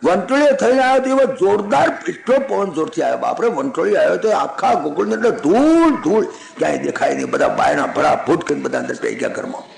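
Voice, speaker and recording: A man giving a devotional sermon, telling a scripture story in a lively, folksy way with chuckling asides. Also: sits high, fast, vocal fry, reverberant, low-quality recording.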